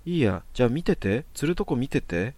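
A man's voice: mid-range voice, sing-song, brisk, warm tone, no room sound, voice pushed up. A man voicing an eerie young woman who speaks in a tiny, childlike mumble, within a narrated horror story. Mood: rapid mumbling.

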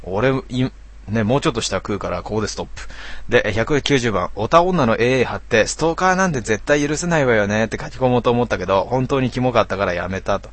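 A man's voice: medium pitch, fast talker, no room sound. A man streaming a game, reading chat comments aloud and making jokey muttered asides.

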